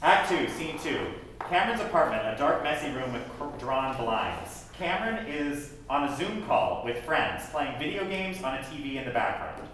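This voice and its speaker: A man reading stage directions aloud in a plain, steady way at a table read. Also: fairly high pitch, moderate pace, slight background noise. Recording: echoey room from far off.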